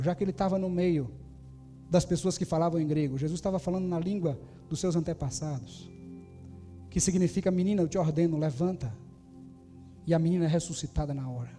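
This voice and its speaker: Man preaching, high voice, animated storytelling, long hall reverb, faint music underneath. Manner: animated storytelling, voicing the people in the tale. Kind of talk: Pentecostal-style sermon.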